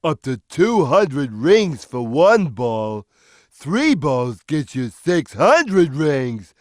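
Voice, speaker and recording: A big, gentle cartoon cat for a video game. The voice sits fairly high for a male and bounces widely in pitch. It moves slowly, with a simple, earnest, slow-witted and good-natured manner, recorded very dry. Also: very animated, dry recording, exaggerated voice. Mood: earnest, helpful. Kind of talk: video game character voice lines.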